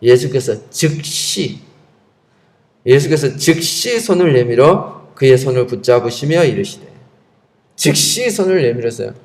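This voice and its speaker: A man's voice: medium pitch, animated, a little slow, a little mellow. A man preaching a Sunday sermon as pastor, emphatic and asking the congregation rhetorical questions. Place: church sanctuary.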